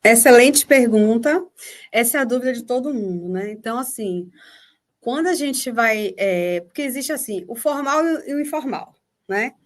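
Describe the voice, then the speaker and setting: A Brazilian teacher and mentor answers a question in an online workshop, speaking with a Brazilian Portuguese accent at a moderate pace in a higher voice. She explains the point carefully, often using rhetorical questions to check that listeners are following. She's heard through a video-call microphone.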